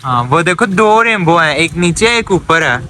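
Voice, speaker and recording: A man's voice: a little high, animated, normal speed, rough recording. A man casually vlogging outdoors on a rooftop in rain and wind, chatting playfully and calling his viewers guys. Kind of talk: casual vlog talk to viewers. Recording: loud wind and rain noise on a phone mic.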